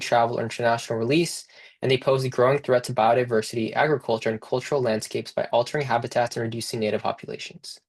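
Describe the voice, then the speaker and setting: A young man with a medium-pitched voice moderates an online panel in his role as a student research director. He reads a prepared introduction in a friendly manner.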